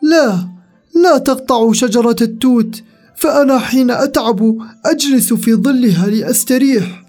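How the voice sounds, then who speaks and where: Casting: woman playing a pleading old woman villager, higher voice, storybook. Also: moderate pace, a little mellow, soft background music, close to an everyday voice.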